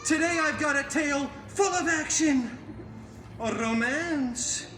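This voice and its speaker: Here the performer pushes into a very high-pitched, full character voice, hamming it up as a masked, vain, wisecracking antihero spinning a suspenseful, theatrical tale for kids at a theme park show. He darts between dramatic narration and sarcastic quips to the crowd. Loud music plays in the echoey live space.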